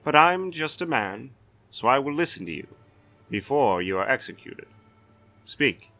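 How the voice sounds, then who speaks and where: A man performs a blustering, weary-wry castellan of a fantasy city in an audiobook, sounding sardonic, stern and authoritative. He uses a full character voice pitched above his own: medium, sing-song, unhurried, gravelly and sharp. Faint music plays behind him.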